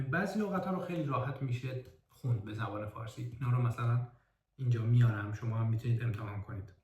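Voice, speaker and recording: A man's voice: medium pitch, a little mellow, far from the mic, slight background noise. A man giving a casual spoken book review, talking carefully, correcting himself and spelling out words. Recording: roomy echo, from off the mic.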